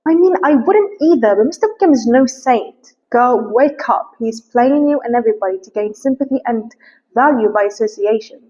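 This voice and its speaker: A woman's voice: on the high side, lively intonation, normal speed, dark tone, husky. A young woman in a sassy, chatty, opinionated book vlog, ranting casually. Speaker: book vlogger. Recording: muffled lo-fi recording.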